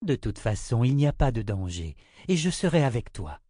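A soft, coaxing mother calms her frightened little girl, as a man reading a storybook puts her on. Her voice sits a little higher than a man's usual speech and stays calm and unhurried. The recording is close and dry. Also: no room sound. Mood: soothing. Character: gentle, reassuring mother of a young girl. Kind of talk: audiobook character reading.

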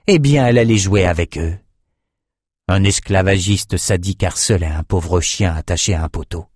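A man narrating an audiobook in a steady, measured reading on a close mic. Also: fairly low pitch, dry recording. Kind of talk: scripted narration.

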